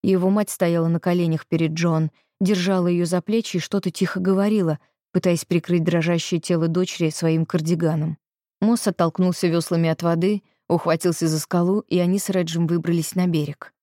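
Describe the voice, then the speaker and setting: A woman narrates an audiobook in a calm, measured way. Her voice is mellow and slightly low, recorded close with a dry sound and no room echo. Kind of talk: scripted narration.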